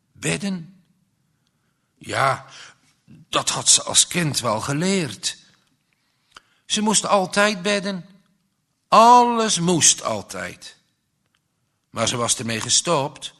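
A man reading a story aloud in a slow, expressive way, with dramatic pauses. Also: medium pitch, husky.

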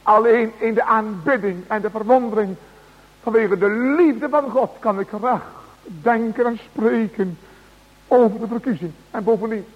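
Slow, high-voiced preacher, husky. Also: male voice. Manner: slow, solemn preaching with emphatic cries. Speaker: pastor. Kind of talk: sermon. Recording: dull radio broadcast in a large hall.

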